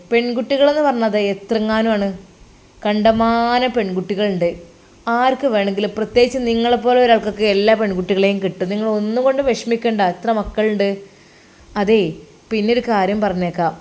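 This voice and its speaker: A warm-hearted male cleric consoling a friend, as a woman reader puts him on, coaxing, reassuring and a little teasing. His voice sits in an everyday middle register and lifts higher when he urges his friend on. It comes across as a spoken storybook role. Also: normal speed, lightly acted. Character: kindly older male religious teacher, comforting friend.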